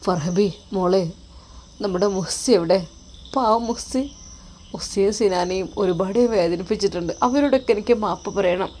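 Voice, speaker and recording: A woman's voice: medium pitch, moderate pace, darkish tone, slight background noise, close to an everyday voice. A woman voicing a remorseful husband, Malabar accent. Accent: Malabar Malayalam. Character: remorseful young husband begging forgiveness.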